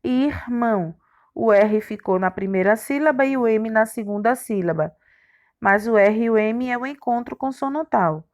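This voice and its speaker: A primary school teacher records a grammar lesson for young children, spelling out letters and syllables one at a time. Her voice is a little high and darkish in tone, moving at a normal speed.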